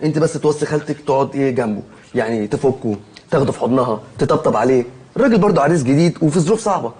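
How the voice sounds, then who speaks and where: An actor with an Egyptian accent playing a cheeky, teasing young cousin in a film comedy. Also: male voice, mid-range voice, animated, rapid-fire, a little mellow, lightly acted. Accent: Egyptian Arabic.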